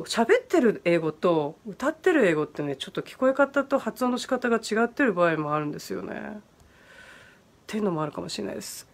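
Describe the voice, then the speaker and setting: Hosting a casual livestream as an online virtual bar stream host, a woman reads viewer comments aloud and answers their questions, including ones on English pronunciation. She is friendly and chatty, using many fillers, and her mid-range voice is creaky.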